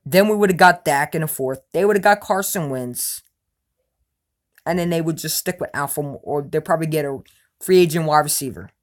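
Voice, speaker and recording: A woman giving an opinionated sports fan rant in a casual vlog, answering viewer questions. She talks emphatically, often asks "you know what I'm saying", and swings between loud outbursts and low mutters. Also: moderate pace.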